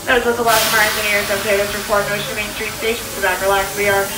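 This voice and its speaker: A woman conductor giving repeated safety announcements over an outdoor loudspeaker. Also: mid-range voice, little pitch movement, racing, far from the mic, over a noisy crowd. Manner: repetitive, insistent reminders. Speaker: train conductor. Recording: echoey loudspeaker heard from afar with music.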